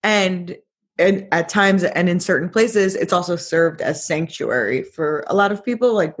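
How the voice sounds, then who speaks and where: A podcast co-host in casual discussion, reflective and quick to laugh. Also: mid-range voice, breathy edge.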